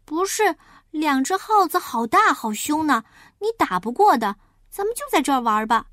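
A woman voicing a little boy piglet who talks in a high, eager, pleading way. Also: sing-song, normal speed, fairly bright tone, dry recording, studio quality.

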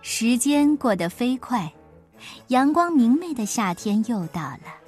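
A woman narrating a children's storybook with expressive, lively delivery. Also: fairly high pitch, unhurried, soft background music.

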